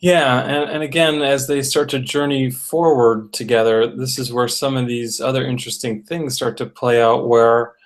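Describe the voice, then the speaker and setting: Male co-host, casual chat: mid pitch, monotone delivery, earnest and even, filler-heavy. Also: moderate pace, few pauses. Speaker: co-host reviewing a film. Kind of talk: casual discussion.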